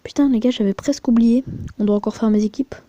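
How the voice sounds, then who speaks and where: A woman talks through a phone game in a loose, rambling way, crude and chatty, now and then dropping into muttered asides. Her voice is very dark and mellow. The sound is close and dry. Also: on the high side, steady tone, fast, no echo. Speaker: mobile game vlogger. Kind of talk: casual screen-recording commentary.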